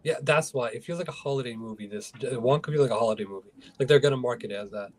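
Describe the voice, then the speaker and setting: A man's voice: medium pitch, racing. A young man in a casual movie chat, speaking in an offhand, slangy way.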